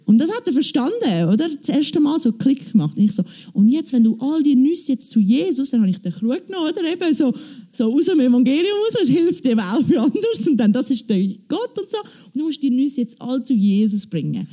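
A woman telling a church testimony on stage, animated, quoting dialogue in a chatty way. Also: high-pitched, a little fast. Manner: animated storytelling, quoting with "ich so, sie so". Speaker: church member giving testimony.

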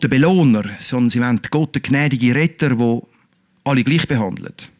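A man's voice: high-pitched, fairly bright tone. A man preaching a fervent sermon as pastor, calling out praise and speaking straight to his congregation. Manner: fervent, exclaims praise, addresses the congregation directly.

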